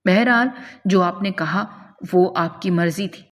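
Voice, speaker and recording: Woman reading a measured, admonishing male doctor, lowish voice. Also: big-room sound, lightly acted. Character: calm male doctor giving firm advice.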